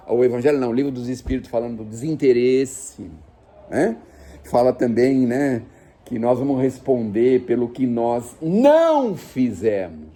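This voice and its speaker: A man giving an informal spiritual lecture to a live audience, animated and folksy. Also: mid-range voice. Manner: animated, folksy, uses diminutives and acted asides.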